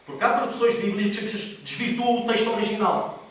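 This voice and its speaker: A man's voice: sits high, level tone, fairly quick. A male pastor preaching a sermon to a congregation. He repeats key phrases and puts questions to his listeners. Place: church hall. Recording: echoey church hall from far off.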